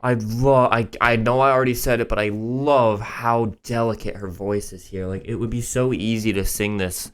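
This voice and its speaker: A man's voice: on the low side, fairly even intonation, moderate pace, hardly any pauses, fairly bright tone, clean tone, soft background music. A man hosting a reaction channel, talking casually and enthusiastically about songs as he thinks aloud.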